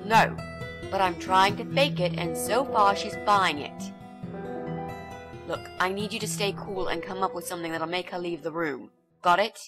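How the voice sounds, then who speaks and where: A woman's voice: on the low side, normal speed, music in the background, natural voice. An actress voicing a bold, chatty young female student in a video game, speaking in a breezy, confident way. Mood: scheming. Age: young adult.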